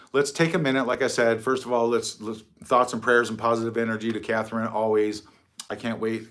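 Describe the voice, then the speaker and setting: A middle-aged man hosts a casual livestream from his phone, rambling, mocking and swearing freely. His voice sits at a medium pitch with a slightly bright tone.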